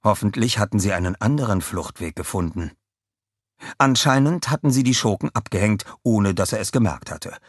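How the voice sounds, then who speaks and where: Low, husky male narrator with a lively delivery, dry close recording, scripted audiobook reading. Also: dry recording.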